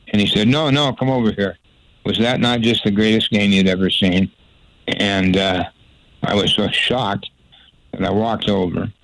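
An older man with a notably deep voice spins long, folksy anecdotes about his broadcasting days. He rambles and restarts his sentences as he goes. The sound is dry and close. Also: gravelly, a bit bright, no echo, poor audio. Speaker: former sports radio broadcaster. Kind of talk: storytelling interview.

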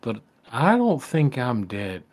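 A man playing the gentle spirit of a farm-raised father in improvised tabletop role-play, with a folksy, fatherly storytelling tone. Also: mid-range voice, huge pitch swings, slow, exaggerated voice. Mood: earnest, wistful.

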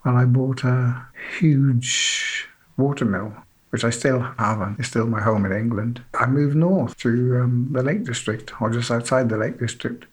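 A man's voice: mid-range voice, unhurried. A man from South Wales, a sculptor, telling his story in a rambling, self-deprecating way with many "you know"s. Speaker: sculptor being interviewed. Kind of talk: relaxed interview storytelling.

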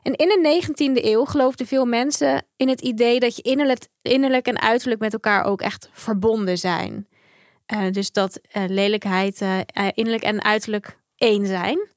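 A woman's voice: fairly high pitch, normal speed, no echo, studio quality. Woman hosting a book talk. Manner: explanatory, with fillers. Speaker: podcast host.

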